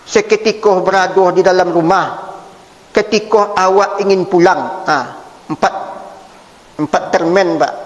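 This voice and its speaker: A man preaching with a Minangkabau accent, lively and humorous, acting out little dialogues and chuckling. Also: high-pitched, echoey room, big-room sound, low-quality recording.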